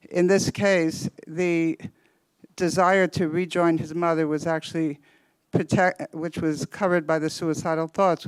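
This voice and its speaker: A man psychotherapist commenting on a panel, thoughtful and measured, slightly out of breath. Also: fairly high pitch, smooth, dry recording, low-quality recording. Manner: thoughtful, measured, cites theory.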